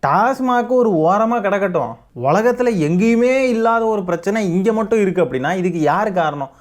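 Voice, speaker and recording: A man's voice: high-pitched, expressive, normal speed. A man hosting his own channel, giving opinionated political commentary full of rhetorical questions and mockery. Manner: mocking, argumentative, rhetorical questions.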